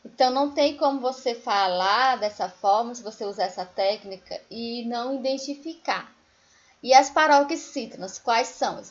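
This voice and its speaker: A woman primary school teacher, giving a recorded remote lesson to children, explaining patiently and singing example words slowly. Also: a little high, a bit bright, lo-fi sound.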